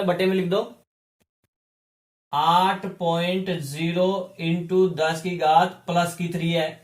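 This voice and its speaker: A male chemistry teacher giving a classroom lesson, explaining step by step and often asking his students questions. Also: high voice. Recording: echoey room.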